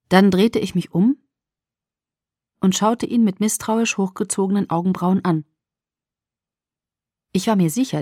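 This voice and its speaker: A woman narrating a novel in the first person, measured and clear. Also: medium pitch, dark tone, no echo, studio quality. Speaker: audiobook narrator. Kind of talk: scripted narration.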